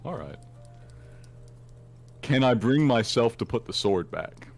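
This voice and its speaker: A man's voice: mid-range voice, expressive, slow pace, soft background music. A man playing a tabletop game, talking in a playful, mischievous way. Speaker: player.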